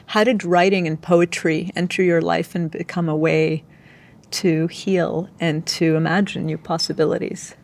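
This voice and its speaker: A woman hosting a podcast, asking earnest interview questions in a soft-spoken way. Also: lowish voice, flat delivery, a little slow, vocal fry. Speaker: podcast host.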